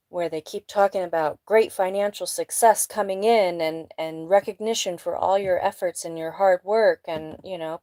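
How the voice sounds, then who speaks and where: A woman's voice: on the low side, darkish tone, no room sound. A woman giving a casual live tarot reading, blunt and emphatic, with a sniffly nose, indoors at home. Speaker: tarot reader.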